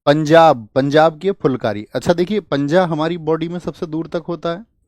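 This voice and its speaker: A man's voice: fairly high pitch, fairly quick, a little mellow, no room sound. Hindi-speaking male coaching teacher, dry close sound. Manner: asks the class questions and answers them himself, repeats key words. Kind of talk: online lecture with memory tricks.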